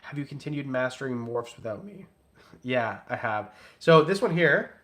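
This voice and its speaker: A man's voice: medium pitch, expressive, normal speed, a bit bright. A young man hosting a casual reptile livestream, reading out donations and chatting in a loose, jokey, rambling way. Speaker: reptile breeder and channel host.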